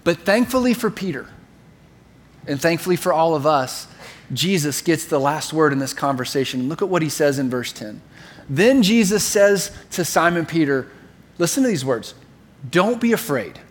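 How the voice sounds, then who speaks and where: Animated preaching man, slightly high voice. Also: normal speed. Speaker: pastor. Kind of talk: sermon.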